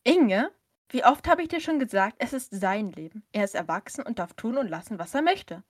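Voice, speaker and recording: A woman's voice: a little high, expressive, normal speed. A woman reading a stern, protective mother. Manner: firm, scolding.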